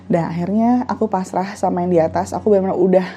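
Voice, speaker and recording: A woman's voice: on the low side, fast talker, warm tone. A young woman vlogger chatting casually through a personal story, with many fillers and asides.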